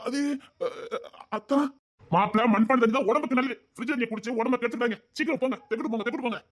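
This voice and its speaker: Fast-talking Tirunelveli Tamil man. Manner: teasing banter, jumping between high and hushed lines. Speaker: comedy sketch performer. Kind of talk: comic family sketch playing several relatives.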